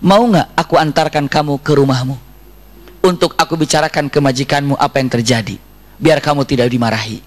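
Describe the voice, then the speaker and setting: A man voicing a soft-spoken humble leader. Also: a little fast, lightly acted. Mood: gentle. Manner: soft, low and reassuring. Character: gentle humble male leader, calm and kind. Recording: long hall reverb.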